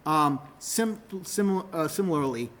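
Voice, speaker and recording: A man's voice: on the high side, lively intonation, a little slow, a bit bright. Lecturing man checking in with "okay?". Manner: explains step by step with frequent "okay?" checks and self-corrections. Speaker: university lecturer. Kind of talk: classroom lecture.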